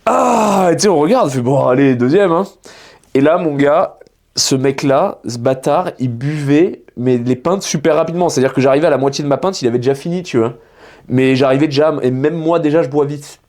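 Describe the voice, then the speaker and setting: A man's voice: a little high, brisk. A young man from France telling rowdy stories in slangy casual chat, acting out the voices of the people he quotes. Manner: animated storytelling, slangy, acts out quoted voices. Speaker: podcast guest telling stories.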